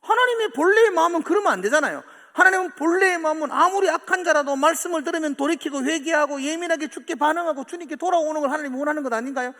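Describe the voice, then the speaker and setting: A man preaching a sermon as pastor, animated, acting out quoted voices with sudden swings from loud to soft. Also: extremely high pitch, racing, hardly any pauses. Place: church sanctuary. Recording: long church hall reverb.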